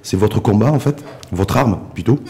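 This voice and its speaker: A middle-aged man hosting a studio interview, posing questions with frequent rephrasing and drawn-out hesitations. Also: fairly low pitch, expressive, warm tone. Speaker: interview host. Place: small radio-style studio. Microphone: desk microphone with pop filter.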